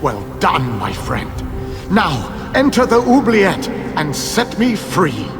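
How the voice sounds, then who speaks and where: An actor playing a proud, ancient imprisoned elven king in a fantasy game, speaking with grandiose self-assurance and theatrical pauses. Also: high voice, wildly swooping pitch, exaggerated voice. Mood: commanding. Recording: long hall reverb, music underneath.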